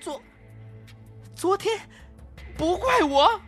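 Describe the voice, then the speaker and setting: A man's voice: extremely high pitch, lively intonation, a little fast, pushed and bright, faint music behind, pitched above the performer's own voice, heavily acted. A man voicing a young wronged saleswoman who protests in a choked, stammering voice. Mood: tearful.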